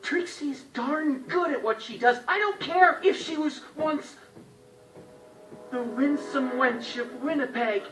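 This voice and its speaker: A man's voice: very high voice, slow, a bit bright, echoey room, far from the mic, soft background music, heavily acted, rough recording. An actor voicing a breezy, persuasive teenage boy time traveler in a video game.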